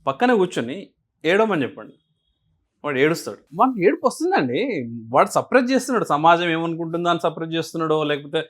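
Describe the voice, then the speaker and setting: Man, interview guest, lively pitched delivery, rhetorical questions. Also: fast talker. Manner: animated, asks and answers his own questions. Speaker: guest speaker on emotions. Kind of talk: explanatory interview talk.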